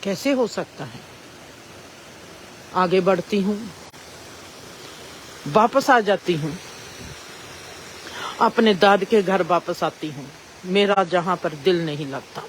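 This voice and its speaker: A woman telling a reflective spiritual story in a slow, measured way with long pauses. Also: medium pitch, a little hiss or hum.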